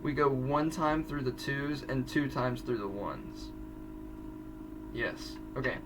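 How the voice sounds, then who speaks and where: A man's voice: medium pitch, slow, over music. Chatty teen guy, far from mic. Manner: chatty, self-correcting, rambling asides. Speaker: drumline student teaching audition exercises. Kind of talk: casual drum tutorial.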